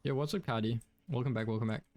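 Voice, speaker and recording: A young Danish man with a Danish accent rambles casually while streaming a game, using lots of fillers. He talks fast in a medium-pitched, darkish voice, with a little hiss or hum in the audio.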